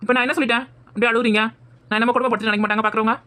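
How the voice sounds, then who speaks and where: A defiant young daughter-in-law, played by a woman in a homemade village skit. She argues back at breakneck speed in a slightly high voice. She is cheeky and never lets a jab go. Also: flat delivery, sharp tone. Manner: argumentative, talks back fast. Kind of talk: village family comedy skit.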